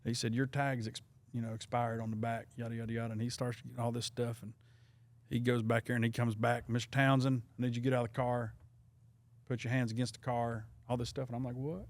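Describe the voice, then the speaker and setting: Pastor guy, mid-pitched voice, self-deprecating and worked up telling a story. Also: fast talker. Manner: self-deprecating, excitable retelling. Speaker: pastor and podcast host. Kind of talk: casual storytelling.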